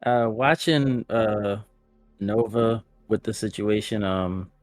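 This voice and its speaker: Brief: slow-talking man, halting and unsure, dry close sound, music faint. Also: on the low side, no echo. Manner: hesitant, many ums and uhs. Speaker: player. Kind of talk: casual tabletop game play.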